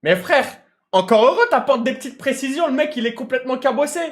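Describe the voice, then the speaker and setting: A man telling a comic anecdote in casual slang, acting out people and shouting at times. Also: very high-pitched, fast. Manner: animated, slangy, mimics and shouts mid-story. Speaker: storyteller recounting a tow job.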